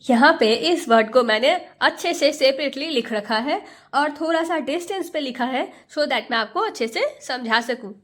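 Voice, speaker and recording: A woman's voice: high-pitched, expressive. A woman teaching English pronunciation in Hindi, sounding out each letter and patiently repeating every word. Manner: sounds out letters slowly, one by one. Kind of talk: Hindi phonics lesson.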